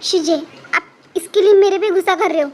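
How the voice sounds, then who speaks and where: A woman voicing a hot-tempered young man who shouts accusations at his brother's teacher. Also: extremely high pitch, fairly even intonation, fairly quick. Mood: hurt. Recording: faint background noise.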